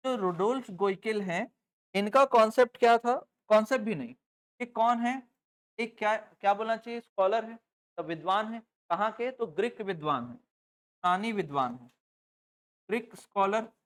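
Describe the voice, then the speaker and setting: A woman teaching a live class in a middle-pitched voice, keeping her students engaged by asking questions and answering them herself. She slows down to dictate notes, spelling out each phrase for the class to copy down. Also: animated. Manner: slowly dictates notes, word by word. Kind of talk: live online class lecture.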